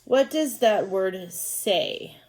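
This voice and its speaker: A woman's voice: medium pitch, lively intonation, drawn-out words, a little mellow. A woman teacher giving a reading lesson to first graders, patiently sounding out words and syllables. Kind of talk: reading lesson for young children.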